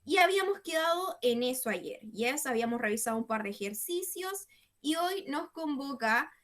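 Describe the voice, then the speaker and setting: A woman's voice: sits high, animated, normal speed, a bit bright. A woman teaching an English class. She explains patiently and repeats herself, checking in with a questioning "yes?" after nearly every phrase.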